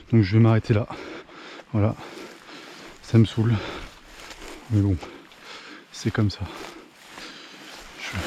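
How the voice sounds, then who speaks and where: French hiker vlogging outdoors, mellow voice. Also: male voice, lowish voice, muffled recording, a little hiss or hum. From France. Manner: chatty, thinks aloud with restarts and "hein". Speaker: hiker filming himself. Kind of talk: casual vlog narration. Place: mountain trail outdoors. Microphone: handheld camera.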